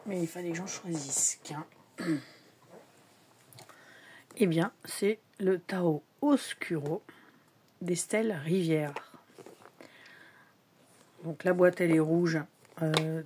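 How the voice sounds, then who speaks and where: A woman's voice: fairly low pitch, mellow, a little hiss or hum. A woman in a casual vlog, showing her tarot decks in a chatty, hesitant way with many fillers, sometimes dropping to a whisper. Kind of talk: casual show-and-tell vlog.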